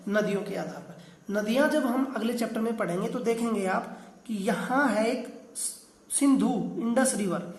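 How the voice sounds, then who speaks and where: A man's voice: very high-pitched, echoey room. A man teaching a geography class, explaining step by step, often asking a question and then answering it himself. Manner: explanatory, repeats key terms.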